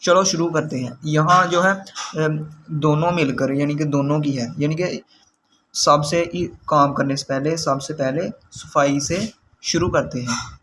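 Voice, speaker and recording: Man teaching vocabulary slowly, slightly high voice. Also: fairly even intonation, fairly bright tone, slight background noise, poor audio. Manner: slow, repeats and glosses each word. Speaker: language teacher. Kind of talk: explaining vocabulary to learners.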